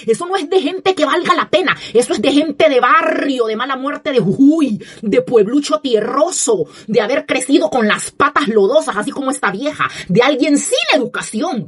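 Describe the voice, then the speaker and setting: A woman's voice: sits high, a bit bright. A woman giving an indignant, scornful opinion monologue as a commentator, repeating herself for emphasis.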